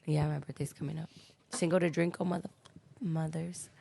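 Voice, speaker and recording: A woman's voice: sits low, level tone, moderate pace, creaky, dark tone, slightly rough. A woman with a Southern US accent, a chatty podcast guest who talks at length. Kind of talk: casual chat.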